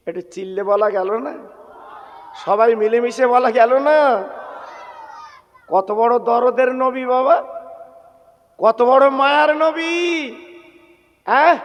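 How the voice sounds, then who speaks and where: A man preaching a sermon in a chanting, drawn-out, melodic way, calling out to the gathered listeners. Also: very high-pitched, a bit bright, big-room sound. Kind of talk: sung Bengali sermon.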